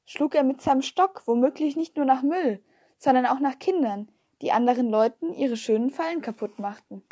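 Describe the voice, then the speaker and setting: A woman narrating a children's story in a lively first-person storytelling manner. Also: sits high, normal speed, no room sound, studio quality. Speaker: audiobook reader.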